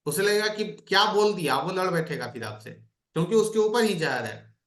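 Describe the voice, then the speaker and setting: A man's voice: high-pitched, lively intonation, moderate pace, fairly bright tone, reverberant. A man teaching an online astrology class, explaining by asking his students questions.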